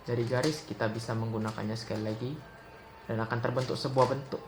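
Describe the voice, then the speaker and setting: A young man gives a casual step-by-step puzzle tutorial. He talks in a relaxed way and calls out move notation one move at a time. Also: medium pitch, fast talker. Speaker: Rubik's cube tutor. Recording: echoey room with audible noise.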